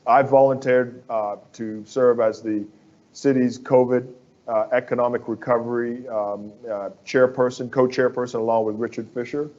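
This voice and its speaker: A man's voice: mid-range voice, fairly even intonation, normal speed, darkish tone, highs cut off. A man from the Bahamas, a construction firm executive, speaking as an interview guest in an earnest, persuasive way that repeats phrases for emphasis.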